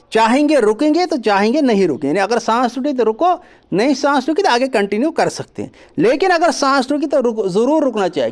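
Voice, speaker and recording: A man teaching Quran reading in an online lesson, explaining patiently and drawing out letter names slowly. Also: very high-pitched. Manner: mixes English words into his explanations.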